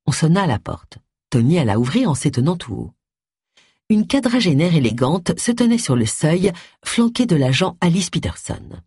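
A woman narrating an audiobook in a calm, measured reading voice. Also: low-pitched, slightly rough, dry recording, clean studio sound. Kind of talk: scripted narration.

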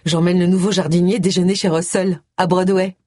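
A reader voicing Agatha, a brisk, impatient middle-aged woman sleuth, in an audiobook, with clipped, defensive replies. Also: mid-range voice, little pitch movement, darkish tone, dry recording, natural voice.

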